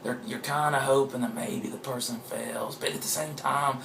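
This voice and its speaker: A man with a gravelly, fry-edged voice talks through an interview as the author, wandering from thought to thought and swearing casually. He pokes fun at himself as he goes. His voice rings in a roomy, echoey space with a faint hum of noise behind it. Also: medium pitch, fairly even intonation, moderate pace. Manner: meandering, profane, self-mocking. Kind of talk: casual rambling interview talk.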